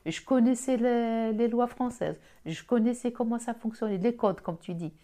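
A woman's voice: a little high, normal speed, warm tone. A middle-aged woman from Algeria with an Algerian accent, telling her own story in an interview, hesitant with many restarts but firm when she makes a point. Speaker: podcast guest, host's mother. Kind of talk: personal interview recollection.

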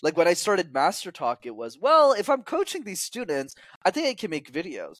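Speaking at a moderate pace, a young male communication coach in his twenties chats in an informal interview, full of energy and switching pitch sharply to perform quoted voices. There's no echo on the track.

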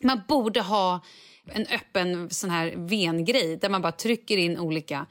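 A woman, a mother of a small child, chatting casually and telling stories with lively acted-out quotes. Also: fairly low pitch. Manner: animated storyteller who acts out quotes. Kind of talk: casual chat.

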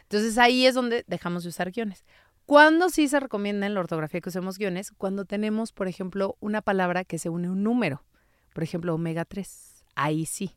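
A woman explains grammar in relaxed conversation, patient and teacherly. Her voice is smooth and clear, recorded dry and close with no room around it. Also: medium pitch, a little fast, dry recording. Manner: patient, teacherly, gives everyday examples. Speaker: spelling and grammar expert guest. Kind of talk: casual explanatory chat.

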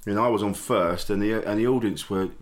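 Lowish-voiced south-east English man hosting, sweary. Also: a little fast. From Kent, south-east England. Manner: blokey, sweary, chipper banter. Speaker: podcast host. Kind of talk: casual chat.

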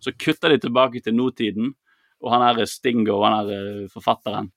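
A man co-hosting a podcast, retelling a film in a lively, casual way, acting out quotes and swearing freely. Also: mid-range voice, vocal fry, no room sound, studio quality. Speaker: podcast co-host.

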